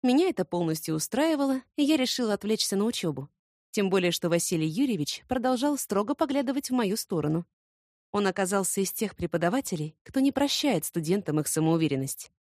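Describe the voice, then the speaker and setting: Woman, audiobook narrator, first-person, ironic, animated intonation, mid pitch. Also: a little fast, no echo, clean studio sound. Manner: expressive, ironic.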